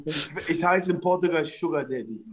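A man's voice: fairly high pitch, moderate pace, very noisy. A young man, bantering casually with friends in crude, slangy street talk.

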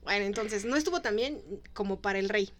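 A woman with a Mexican accent casually retelling a story to a co-host, animated and laughing often. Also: mid-range voice, a little fast. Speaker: podcast co-host.

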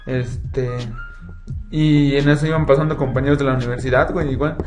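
A man's voice: mid-range voice, steady tone, fairly quick, a little mellow, soft background music. A young adult man with a Mexican accent telling a long, profane, slang-filled story in casual chat. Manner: slangy, profane, says "güey" constantly.

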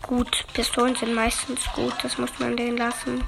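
A woman playing a video game with a friend, chatting casually and bursting into excited shouts. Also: on the high side, moderate pace, creaky, rough recording. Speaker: gamer. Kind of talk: excited gaming commentary. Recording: game music behind.

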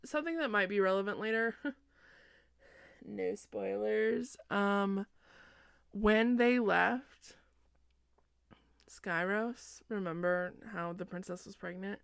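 A young woman recapping a story in a loose, chatty way, swearing freely and slipping into quick character voices. Her voice has a gravelly, fry-laden texture, and the sound is close and dry with no room around it. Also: mid-range voice, no echo. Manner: chatty, profane, acts out quoted characters.

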